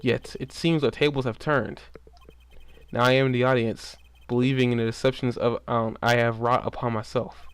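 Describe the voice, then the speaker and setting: A man's voice: medium pitch, level tone, normal speed, smooth, lightly acted. Man acting out a gloomy, theatrical stage magician. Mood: melancholy. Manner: grandiose, old-fashioned phrasing.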